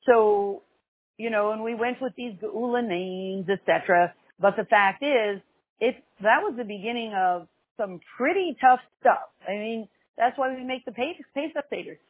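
A woman's voice: on the high side, moderate pace, slightly rough, no room sound. An older woman giving an informal religious lesson, conversational and wryly joking, repeating phrases for emphasis. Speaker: religious teacher and class host. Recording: tinny, narrow phone-like sound.

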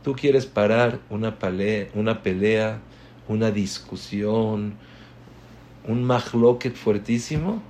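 Slow, emphatic religious teacher. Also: male voice, on the low side, slight background noise. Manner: storytelling, moves between hushed and emphatic. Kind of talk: religious class.

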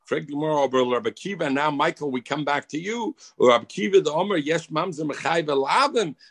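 Speaking quickly in a slightly high, somewhat bright voice, a Yiddish-accented man teaches an informal Talmud lesson. He reads, explains, repeats himself often and answers his own questions. The recording is dry.

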